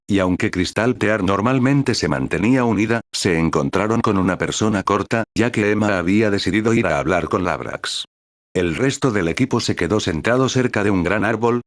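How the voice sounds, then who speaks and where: Deep-voiced male audiobook narrator. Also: dry recording, clean studio sound. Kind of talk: audiobook reading of a fantasy novel.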